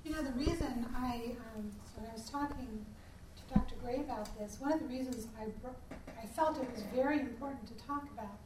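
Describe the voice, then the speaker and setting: A middle-aged woman speaking on a panel, heartfelt and searching for words. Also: sits high. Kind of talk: earnest panel discussion. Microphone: distant room mic. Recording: echoey, distant, faint hiss.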